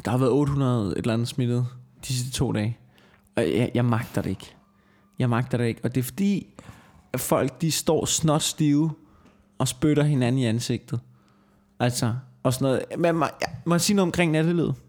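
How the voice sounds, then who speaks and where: A man co-hosting a casual podcast from an office, ranting in crude, animated talk. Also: mid-range voice. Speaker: podcast co-host.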